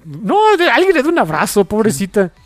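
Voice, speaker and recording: Lively high-voiced man. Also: brisk, dry recording. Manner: animated retelling with acted-out quotes. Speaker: podcast co-host. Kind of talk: casual comic book chat.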